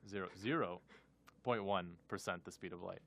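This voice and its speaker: A man with a slightly low voice co-hosting a casual radio chat. He asks curious questions and slips jokes into the conversation. His delivery is relaxed and conversational. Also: normal speed, gravelly. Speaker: co-host asking questions.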